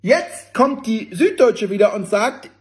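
Mocking political commentator, animated delivery, echoey room. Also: mid-range voice, a little slow. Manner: sarcastic and mocking, laughing at the text; speaks straight to the audience. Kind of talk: casual commentary reading out a newspaper article.

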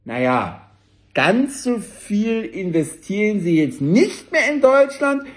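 Mocking political commentator, animated delivery, echoey room. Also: medium pitch, slow pace. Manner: sarcastic and mocking, laughing at the text; speaks straight to the audience. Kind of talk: casual commentary reading out a newspaper article.

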